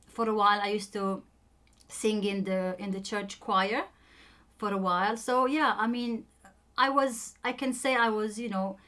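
A woman's voice: mid-range voice, steady tone, measured pace, sharp tone. A young woman with a Romanian accent, a native Romanian speaker telling her own story in a casual chat, hesitant and full of ums and restarts.

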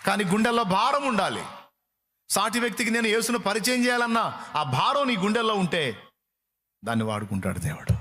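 A man preaching a sermon, impassioned, swinging from loud appeals to hushed pleading. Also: sits high, big pitch swings, a little fast, long pauses, a little hiss or hum.

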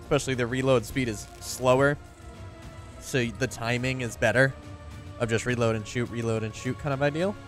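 A man's voice: medium pitch, normal speed, soft background music. Chatty man commenting on his gameplay. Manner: chatty, excitable, talks to viewers and game animals. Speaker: gameplay streamer.

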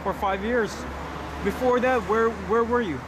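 Young man, casual filler-heavy street interviewer, high-ish voice, camera mic with heavy traffic noise. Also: fairly even intonation, a little slow. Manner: chatty, filler-heavy questions. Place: city sidewalk outdoors. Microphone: camera mic, behind the camera. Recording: loud street noise outdoors.

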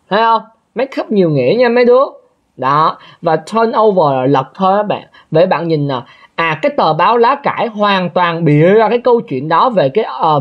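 A man's voice: sits high, muffled recording. Chatty male teacher. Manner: chatty, keeps asking listeners to confirm. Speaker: English teacher. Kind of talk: exam review lesson.

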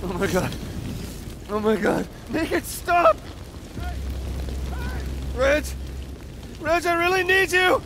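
A man's voice: high-pitched, lively intonation, moderate pace, noisy background. A young male actor playing a rebellious, hot-headed younger brother in a video game, crying out in panic and distress. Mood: panicked, distraught. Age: young adult. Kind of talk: dramatic video game acting.

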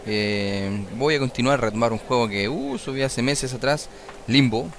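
A man's voice: animated, a bit bright, slight background noise. A man with a Chilean accent hosting a gaming channel, muttering casual commentary as he plays and now and then yelping and swearing at the game. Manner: slow, muttering, bursts into high yelps and swearing at the game. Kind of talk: casual let's-play commentary. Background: game music.

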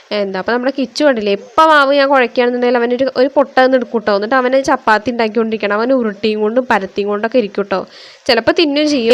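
Young woman, from Kerala, family vlog voice-over, rapid chatty delivery, slightly high voice, recorded at home. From India (Kerala). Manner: chatty, homely, reassuring tag endings. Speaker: family vlogger.

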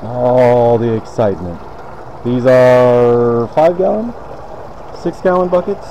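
A man's voice: mid-range voice, slow pace, dark tone, slight background noise, low-quality recording. A man, casually explaining a car detailing task as he works. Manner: laid-back, talks while working. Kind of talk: casual how-to demonstration. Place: detailing shop.

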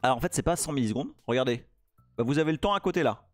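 A French man hosting a casual live-coding stream, playful and excitable, chatting to viewers as he works. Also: mid-range voice, racing, no echo, faint music behind. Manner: playful, excitable, reads chat aloud.

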